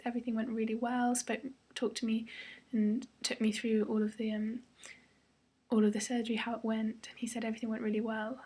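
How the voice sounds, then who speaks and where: A young British woman talking casually and ramblingly in a personal vlog, sounding tired the day after surgery, with a breathy, slightly husky voice. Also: on the high side, darkish tone. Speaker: vlogger.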